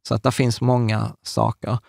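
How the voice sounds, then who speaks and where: He's a man in his thirties co-hosting a podcast, his mid-range voice creaky, a little mellow, and flat in delivery. Even so, he explains with enthusiasm in casual talk, full of restarts and fillers, gesturing as he speaks. A large studio mic on a table stand captures him in a small room, with no echo.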